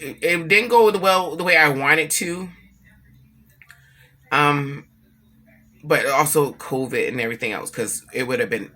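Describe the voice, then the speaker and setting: A woman vlogging casually about family, telling an animated, profane story and acting out what others said. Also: very deep voice. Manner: emphatic, repeats herself for effect.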